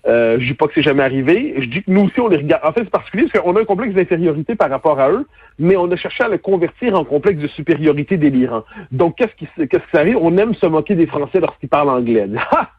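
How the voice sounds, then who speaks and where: Husky Québécois man on a phone line. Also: fairly high pitch, expressive, quick pace, no echo. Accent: Québécois French. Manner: emphatic, stammering restarts. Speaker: guest commentator. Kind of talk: argumentative interview talk. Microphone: telephone.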